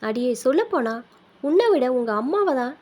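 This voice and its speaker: A kindly seventy-year-old grandmother, as a woman storyteller puts her on, soothing and affectionate with the children. Her voice sits high and light, tender rather than stern. It is told as part of a read-aloud storybook. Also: expressive, normal speed. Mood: tender, doting. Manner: gentle, doting, soothing tone.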